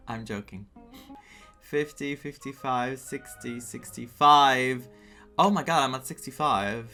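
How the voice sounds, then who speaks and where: A young Greek-accented man streams a game, chatting with excitement, laughing a lot and reading the quest text out loud. His voice sits in the mid range, he talks slowly with frequent pauses, and faint music plays in the background.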